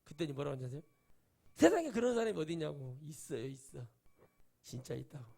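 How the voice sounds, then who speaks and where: Male pastor, gravelly tone, mid-high voice, conversational sermon with acted-out quotes. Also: very animated, fast. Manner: conversational, acts out quoted voices, swings between loud and hushed. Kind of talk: Sunday sermon with storytelling.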